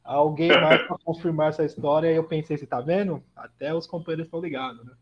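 A man's voice: fairly high pitch, fast. A man on a podcast telling a recovery story in casual conversation, acting out the dialogue and often adding tag questions. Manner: animated, acts out quoted dialogue, frequent tag questions. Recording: dull lo-fi audio with faint noise.

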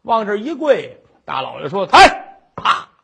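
A man's voice: high-pitched, sing-song, normal speed, creaky, husky. A male storyteller performing a traditional tale with vivid, dramatic narration and asides to the audience.

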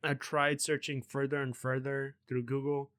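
A young man chats his way through a podcast segment in a loose, rambling manner. His voice sits at an ordinary middle pitch. The sound is dry and close, with no room around it. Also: little pitch movement, moderate pace, fairly bright tone, dry recording. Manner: rambling, loose, swears casually. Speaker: podcast host. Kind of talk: casual podcast chat.

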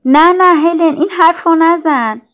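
A woman's voice: on the high side, fairly even intonation, a little mellow, natural voice. A woman voicing a young girl who urgently pleads with her dying friend, in a raised voice. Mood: pleading.

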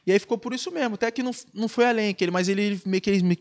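Brazilian man, podcast guest, high voice, rapid-fire slangy storytelling. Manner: animated, slangy, acts out quoted dialogue. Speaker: guest, pro surfer.

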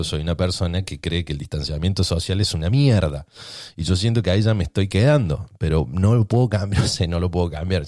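A man with a low voice and a Rioplatense Spanish accent hosts a casual solo podcast. He rambles and provokes, thinking out loud as he goes. The sound is dry, with no room echo. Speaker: podcast host.

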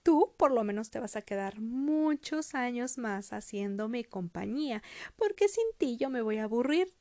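A woman's voice: a little high, lively intonation, unhurried, a little mellow, no room sound, clean studio sound. A woman voicing a selfish, pampered young girl with an offhand, self-centered manner.

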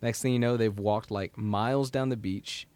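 A man's voice: lowish voice, normal speed, no echo. Early-20s guy recapping a novel for friends, chatty, dry close sound. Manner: animated storyteller, retells plot with asides. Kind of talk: casual book-club chat.

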